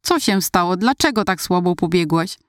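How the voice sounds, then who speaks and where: A woman's voice: on the low side, expressive, moderate pace, no room sound, clean studio sound, close to an everyday voice. Woman doing a pushy male track coach. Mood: reproachful. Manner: urgent, rallying commands.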